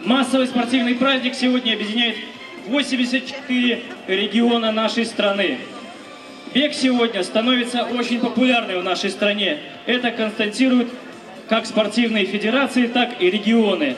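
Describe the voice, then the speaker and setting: A man with a very high voice reads a formal event announcement outdoors. The sound comes through a loudspeaker with long echo, and music plays clearly behind him. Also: fairly even intonation, moderate pace. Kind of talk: formal announcement read from notes. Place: outdoors on building steps, over a loudspeaker. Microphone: handheld microphone. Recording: echoey distant outdoor PA with music.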